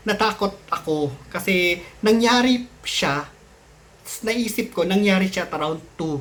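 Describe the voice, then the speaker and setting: A man tells his channel his own ghost story in a casual, rambling way, switching between Tagalog and English, restarting often, using lots of fillers, and his voice jumps up suddenly at the scary moments. His pitch is fairly high and a bit bright, with a little hiss or hum.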